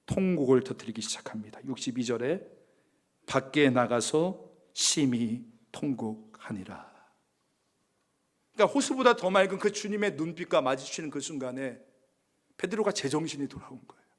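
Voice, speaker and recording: A male pastor preaching a dramatic sermon, swinging from hushed near-whispers to loud, emphatic appeals, in a church sanctuary. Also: a little high, very animated, fast.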